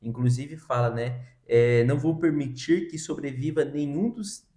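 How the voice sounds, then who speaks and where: A man with a mid-range voice and dark tone speaks at normal speed in an echoey room, casually explaining a Bible reading. As a co-host of a Bible reading podcast, he keeps it conversational, peppering his speech with "né" and "tipo assim."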